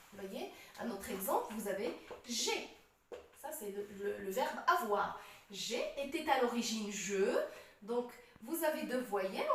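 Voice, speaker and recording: Slow, patient woman teaching French. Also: on the high side, slight background noise. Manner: patient, repeats points and asks "vous voyez?". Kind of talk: slow classroom explanation of French grammar. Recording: echoey room, voice from a distance.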